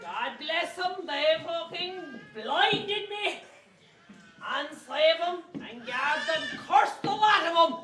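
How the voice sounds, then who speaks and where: A woman playing a muddled, pleading blind old sailor in an amateur stage pantomime, with halting, theatrical wailing. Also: very high voice, sing-song, full character voice. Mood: pleading, cursing. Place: community centre stage. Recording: echoey distant hall with crowd noise.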